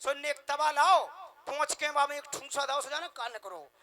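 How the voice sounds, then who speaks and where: A male comedian, telling a comic story in an animated, rustic way. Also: very high voice, normal speed.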